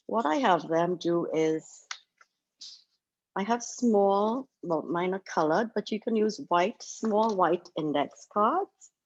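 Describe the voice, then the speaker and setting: Trinidadian woman, very low voice, patient teacher, muffled call audio. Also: darkish tone, breathy edge. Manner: patient, methodical, step by step. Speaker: panelist teacher. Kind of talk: explaining teaching methods. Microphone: video call. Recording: dull video-call audio.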